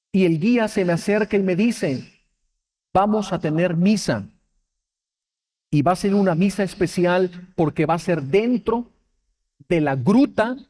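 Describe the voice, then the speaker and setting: A Mexican Bible teacher preaches a sermon, sharing his personal testimony with emotion and acting out the dialogue. His voice is high-pitched and mellow.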